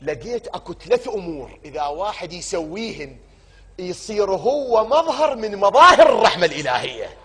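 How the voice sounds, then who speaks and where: A man preaching a sermon in an Iraqi Arabic accent, putting questions to the congregation and answering them himself, stretching key words out slowly. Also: high-pitched, big pitch swings, pushed and bright, breathy edge.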